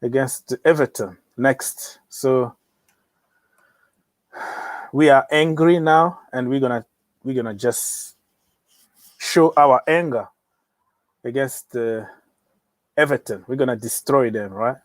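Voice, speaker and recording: A man's voice: medium pitch, slow, pauses often, no echo. A young man hosting a casual football livestream, joking around and talking straight to his viewers. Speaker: livestream host of a football channel.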